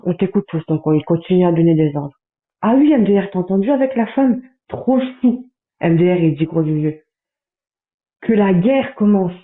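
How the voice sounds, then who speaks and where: A man on a livestream, reading out chat messages in a running commentary with quick asides. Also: high voice. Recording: tinny phone-like sound in a roomy space.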